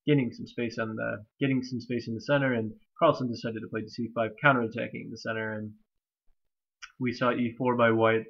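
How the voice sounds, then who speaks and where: A young man with a stuffy, nasal voice talks through a chess game in a rambling, casual way, full of fillers and restarts. His pitch stays flat and even. The recording is slightly dull and lo-fi, like a home computer mic. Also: a little fast, vocal fry. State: stuffy from allergies. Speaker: chess commentator.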